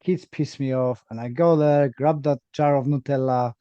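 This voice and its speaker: Male interview host, quick to laugh, recorded dry and muffled. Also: mid-range voice, fairly even intonation, clear, resonant tone, dry recording. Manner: laughs easily, gives short backchannels. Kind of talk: casual interview chat. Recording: dry, dull lo-fi sound.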